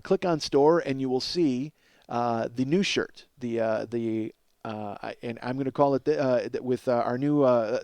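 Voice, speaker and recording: With a darkish, mid-range voice and no echo on the track, a man hosts a podcast in a rambling comedic monologue, interrupting himself, using profanity and turning jokes on himself.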